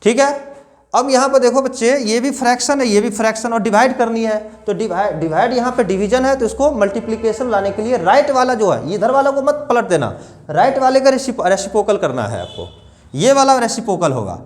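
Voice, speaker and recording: A man's voice: very high voice, very animated, fairly quick, a little mellow. A man teaching a maths class step by step, asking his students questions. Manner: addresses students as children, explains step by step with repeated questions. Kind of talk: classroom lesson.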